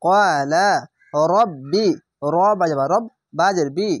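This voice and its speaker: A man teaching Quran reading, spelling out each word letter by letter and then reciting it slowly and drawn out. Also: high-pitched, lively intonation, husky, no echo, studio quality. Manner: slow drawn-out chanted recitation between plain explanations.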